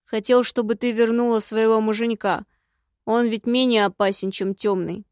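A woman's voice: fairly high pitch, level tone, normal speed, darkish tone, no room sound, clean studio sound, natural voice. Woman doing a grumbling eared imp. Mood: glum.

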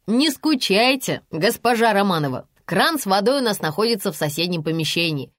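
A shaggy she-bear doctor, greedy yet coaxing and calm, played by a woman reader. She sighs and soothes in a lively, rising and falling voice. The recording is dry and close. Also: mid-range voice, fairly quick, dry recording, close to an everyday voice. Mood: soothing. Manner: soothing, sighing.

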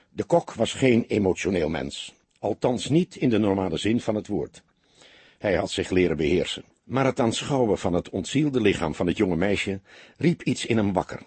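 A male narrator reading a crime audiobook in a measured, expressive way. His voice is husky and lowish, with wide pitch movement. The sound is dry and close. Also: no echo. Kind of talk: scripted narration.

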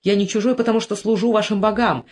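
A reader voicing a young Greek man who is jealous and furious, shouting threats in an audiobook. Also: mid-range voice, fairly even intonation, quick pace, voice pushed up, lightly acted. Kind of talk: audiobook character voice.

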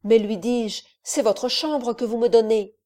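A woman's voice: a little high, a little slow, mellow, natural voice. A woman reading an audiobook, voicing a proud and curious nobleman who speaks eagerly and emphatically. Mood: bold, curious.

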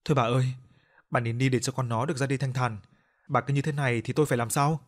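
A middle-aged father , voiced by a man, mourns his only son in an audio horror story. He speaks quietly and sadly, close to the narrator's own voice. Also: mid-range voice, steady tone, fast, natural voice. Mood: pleading. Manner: subdued, sad.

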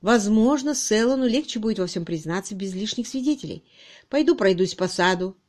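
A woman reading a calm, soft-spoken gentleman detective. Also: medium pitch, a little fast, close to an everyday voice. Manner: soft, mild, composed. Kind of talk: audiobook reading.

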